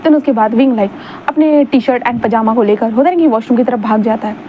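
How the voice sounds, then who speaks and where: A woman's voice: on the high side, a little fast. A woman retelling a fan fiction story in a chatty, casual way, repeating filler words. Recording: dull lo-fi sound, faint hum.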